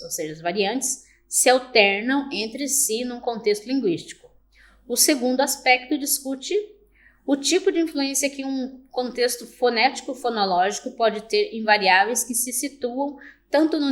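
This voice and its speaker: Woman lecturing, slightly high voice. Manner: explanatory, with frequent restarts and checking "tá?"; sounds out example words slowly. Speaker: university lecturer. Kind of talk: recorded online lecture.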